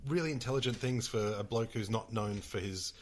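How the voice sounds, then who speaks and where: A man co-hosting a podcast, trading quick jokes in casual chat. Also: fairly low pitch. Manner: quick, joking banter. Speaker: podcast co-host.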